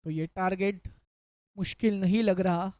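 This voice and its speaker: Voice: medium pitch, fairly even intonation, unhurried, a little mellow, no room sound, clean studio sound. A Hindi cricket commentator calling play ball by ball, mixing in English cricket terms.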